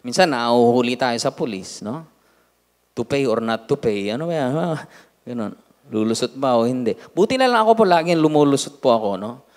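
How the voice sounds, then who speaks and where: A man with a Filipino accent delivers a sermon as pastor, his voice at a middling pitch. He swings between loud, emphatic lines and quiet asides, mixing in jokes. The sound rings with a long hall reverb. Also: normal speed. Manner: lively preaching, swinging from loud to hushed, joking asides. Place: church hall.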